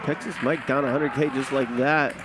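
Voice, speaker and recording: A man giving hushed, low-key poker commentary, calling hands and bets. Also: fairly even intonation, moderate pace. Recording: very noisy background ambience.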